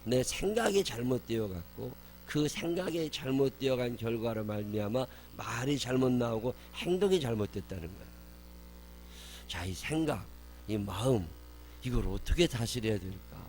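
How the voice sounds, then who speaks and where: A man's voice: mid-range voice, lively intonation, normal speed, a little mellow, slight background noise. A man pastor giving a sermon, posing rhetorical questions and answering them with emphatic repetition. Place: church.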